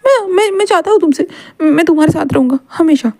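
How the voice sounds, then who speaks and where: A woman's voice: sits high, fast, warm tone. Woman voicing a whiny tearful young angel. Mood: tearful pleading. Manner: pleading, whiny, breaking into sobs. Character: clingy tearful young male angel, possessive.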